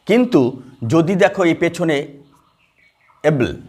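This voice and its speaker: A man's voice: fairly high pitch, expressive, takes it slowly, a little mellow. A man teaching English grammar in a classroom, explaining step by step with many fillers and questions to the students. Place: classroom with a board.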